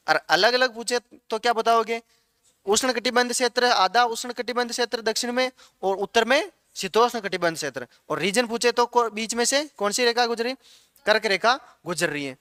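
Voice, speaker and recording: A man's voice: sits high, bright, forceful tone, smooth, dry recording, clean studio sound. A man teaching geography, asking the class questions and repeating the answers in a classroom lecture.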